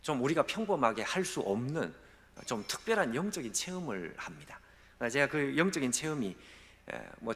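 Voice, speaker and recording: A male pastor preaching a sermon in a church, his voice carrying a long, echoing hall reverb. He tells the story with great animation, his pitch rising and falling widely. He acts out the quoted speakers, sometimes hushing to a soft whisper. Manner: dramatic storytelling, acting out quoted voices softly. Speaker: guest pastor. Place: church sanctuary.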